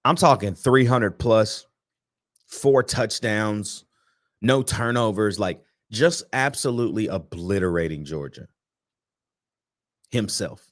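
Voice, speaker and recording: A man's voice: on the low side, slow pace, long pauses. A man hosting a sports fan show, talking casually about an upcoming game with slang, repeated words and restarts. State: sleepy, yawning. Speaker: sports podcast host.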